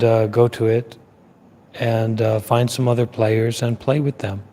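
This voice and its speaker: With a mid-range, darkish voice, a male Buddhist teacher leads a live Dhamma talk in a big-sounding room. He measures his words, setting out repeated phrases as lists broken by pauses.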